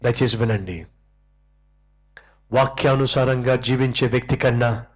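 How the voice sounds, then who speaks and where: Male pastor, church sermon, storytelling, animated, questions the congregation. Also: mid-range voice, unhurried.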